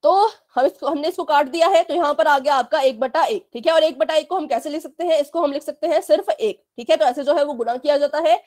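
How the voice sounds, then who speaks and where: A woman's voice: high-pitched, fast, few pauses, darkish tone. A woman teaching fractions in a live online class for children, explaining patiently, repeating checks, and giving firm warnings about chat behavior.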